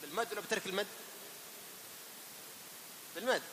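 A man with a fairly high voice teaching the rules of Quran recitation in a hall with long reverberation. He asks his students questions patiently and slowly demonstrates the pronunciation of words. A faint hiss lingers in the recording. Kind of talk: tajweed lesson to a class.

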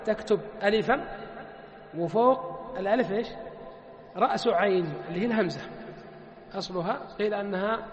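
In a hall with long, echoing reverb, a male teacher with a very high voice gives a grammar lesson. He keeps asking his students questions and answering them himself, slowly stretching out the word forms as he works through them.

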